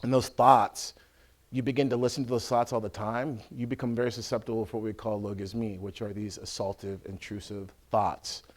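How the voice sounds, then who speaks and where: A man, an Orthodox priest, teaching in a conversational way, often checking that listeners follow and acting out scenes loudly. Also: lowish voice, flat delivery, fairly quick. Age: adult with a school-age son. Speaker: Orthodox priest giving a talk.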